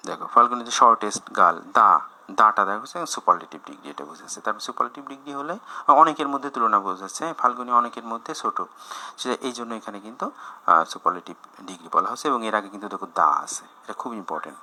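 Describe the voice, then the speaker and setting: A man teaching a grammar lesson, explaining rules patiently with many pauses and fillers. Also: fairly low pitch, animated, sharp tone.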